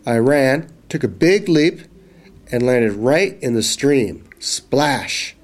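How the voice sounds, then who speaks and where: A man voicing a friendly father telling a spooky campfire story to his kids, slow and dramatic. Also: mid-range voice, animated. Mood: storytelling.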